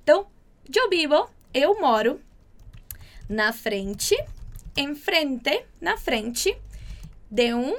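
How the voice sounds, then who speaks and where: A woman from Brazil giving a chatty, upbeat Spanish lesson, drilling words slowly and repeating them. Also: high-pitched, big pitch swings. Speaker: Spanish teacher. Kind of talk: casual online language lesson.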